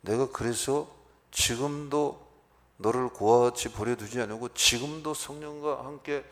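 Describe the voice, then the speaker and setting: Male pastor as comforting divine voice, gravelly, consoling. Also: medium pitch, a little slow, lightly acted. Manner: reassuring, consoling address.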